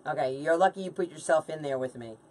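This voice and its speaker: Bantering with viewers and a helper, a late-forties woman keeps up informal chat while hosting a craft livestream. She speaks fast in a low, darkish voice, sitting far from the mic, with slight background noise.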